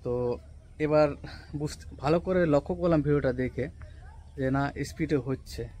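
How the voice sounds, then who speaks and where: A young man whose first language is Santali, casually teaching words on an outdoor rooftop vlog, repeating each word slowly and often checking if listeners follow. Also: on the high side, warm tone. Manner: slow, drawn-out repetition of taught words, often asking "right?". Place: rooftop outdoors on a cloudy day.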